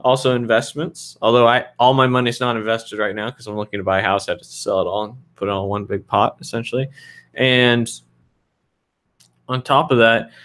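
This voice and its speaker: A man's voice: medium pitch, fairly even intonation, a little fast, a bit bright. A man in his thirties answering viewer questions in a loose, frank, rambling way with lots of fillers. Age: 30s. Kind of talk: casual livestream Q&A.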